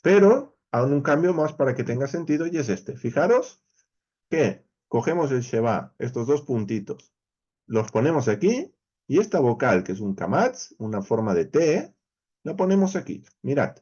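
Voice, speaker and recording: A man's voice: medium pitch, very animated, normal speed, mellow, breathy edge, muffled recording. A man with a Spain Spanish accent teaching a verse-by-verse Bible study lesson, explaining animatedly and speaking straight to his viewers.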